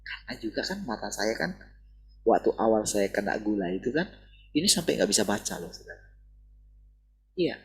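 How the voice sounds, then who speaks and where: A man delivers a sermon as relaxed, direct talk with his listeners. His voice is gravelly and a little husky. His pitch rises and falls in lively swings. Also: moderate pace, pauses often, low-quality recording. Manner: conversational preaching, addresses listeners as saudara. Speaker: preacher.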